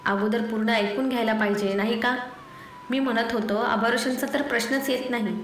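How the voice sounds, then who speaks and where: A woman voicing a gentle, reassuring young man in a spoken love story, talking softly and apologetically. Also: fairly high pitch, steady tone, moderate pace, lightly acted. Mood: reasoning. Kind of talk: storytelling audiobook dialogue. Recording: echoey room, faint noise.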